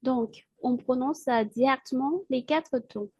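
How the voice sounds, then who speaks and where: A woman teaching pronunciation in French, patient and hesitant, with many filler pauses. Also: high-pitched, darkish tone, breathy edge, no echo. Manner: models syllables slowly for repetition. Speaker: Mandarin teacher. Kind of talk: language lesson.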